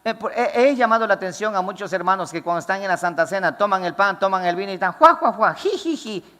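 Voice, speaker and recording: High, bright-voiced male pastor preaching. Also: steady tone, quick pace, smooth, long reverb tail. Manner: fervent, emphatic preaching. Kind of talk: sermon. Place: church with congregation.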